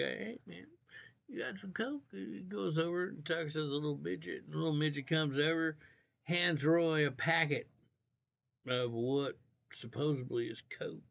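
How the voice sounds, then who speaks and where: A man's voice: medium pitch, gravelly, fairly bright tone, highs cut off. A man hosting a livestream, telling a rambling, profane story in casual chat. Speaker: livestream host.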